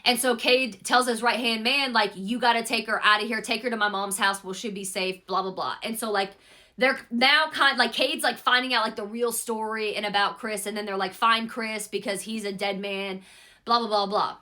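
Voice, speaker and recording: A woman's voice: a little high, fairly even intonation, moderate pace, pushed and bright. A woman giving a casual, rambling book recap, swearing freely and filling gaps with "like" and "blah, blah, blah". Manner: rambling, profane, peppered with "blah, blah" and "like". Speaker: book reviewer.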